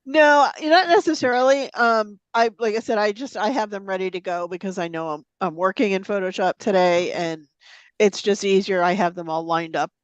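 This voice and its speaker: A woman of medium pitch speaks at normal speed on a dry recording missing its highs. She's demonstrating photo editing software live in a meeting room or online forum, chatting casually with plenty of ums and easy laughter, and sniffling a bit because of a slight cold.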